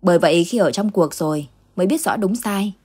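A woman voicing a stern older village uncle who fights ghosts, gruff and commanding, in an audio ghost story. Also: fairly low pitch, a little fast, a little mellow. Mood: worried.

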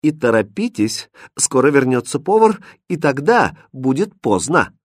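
A man voicing a calm, sly young swineherd in a storybook reading, unhurried and teasing. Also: mid-range voice, no room sound, clean studio sound, voice pushed up.

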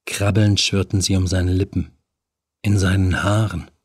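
A man with a very deep, husky voice reads a horror audiobook in a measured, even storytelling manner. He takes his time over every sentence. The recording is dry and close, with no room sound. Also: no echo. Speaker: audiobook narrator. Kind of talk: scripted horror audiobook narration.

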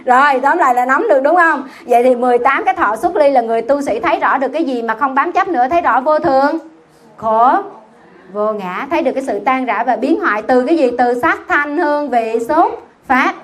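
A woman teaching a Buddhist sutra class, asking her listeners questions and answering them herself in a teasing, lively way. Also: high voice, brisk. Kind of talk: dharma talk with questions to the class.

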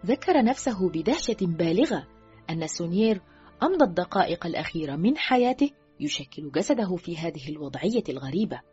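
Husky woman reading a thriller aloud. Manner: expressive reading, dropping low and quiet at sentence ends. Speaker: audiobook narrator. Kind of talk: scripted narration of a thriller novel. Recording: dull lo-fi recording with faint music.

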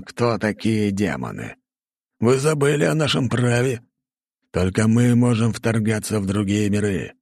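A man voicing a booming demon king. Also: a little mellow, no echo, clean studio sound. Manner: slow, booming proclamations. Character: wrathful male demon king, commanding and proud.

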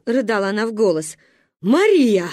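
A woman reading a children's story aloud in an expressive, animated way. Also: a little high, moderate pace, no echo, studio quality.

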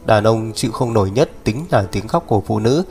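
Một người đàn ông đọc truyện audio, giọng đều đặn, kể chuyện theo kịch bản. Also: male voice, lowish voice, lively intonation, fairly quick, darkish tone. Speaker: audiobook narrator. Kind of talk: scripted narration. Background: faint music.

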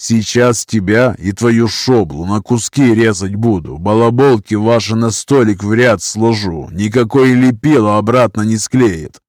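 A man's voice: lowish voice, a little slow, hardly any pauses, darkish tone, dry recording, studio quality, close to an everyday voice. A man voicing a huge, scarred criminal who drawls threats in thieves' slang. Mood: menacing.

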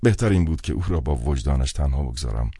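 A man reads a literary novel aloud in a measured, wry first-person manner. His voice is extremely deep. The recording is dry and close, with no room sound. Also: animated, dark tone, breathy edge, dry recording. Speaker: audiobook narrator. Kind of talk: literary audiobook narration.

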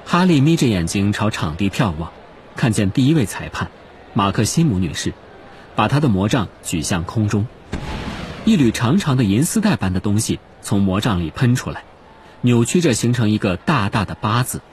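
A man reads a novel aloud as narrator. His voice sits low. He tells the story expressively, with a lively, varied pitch. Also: normal speed, slight background noise. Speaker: audiobook narrator. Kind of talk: scripted narration.

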